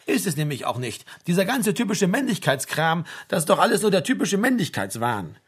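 Opinionated young woman, lecturing, read by a male narrator; husky, animated. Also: high voice, fairly quick, voice pushed up, heavily acted. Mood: insistent, lecturing.

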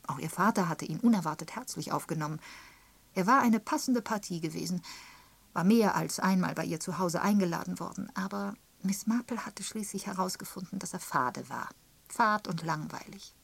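Woman narrator, audiobook, calm storytelling, low voice, husky tone. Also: moderate pace, no echo. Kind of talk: scripted narration.

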